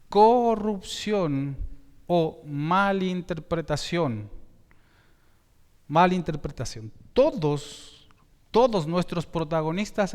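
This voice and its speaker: A man delivers a sermon at a very slow, deliberate pace, his fairly high voice swelling suddenly for emphasis. He often repeats himself and corrects his own words mid-sentence. The sound carries a long reverb from a church hall. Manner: slow, emphatic preaching with sudden rises in volume. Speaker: pastor. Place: church sanctuary.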